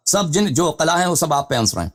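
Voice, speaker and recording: High voiced guy hosting a live show, keeps pressing the caller, talks over him. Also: expressive. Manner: insistent, interrupts, repeats questions. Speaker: host debating a caller. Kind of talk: heated live debate.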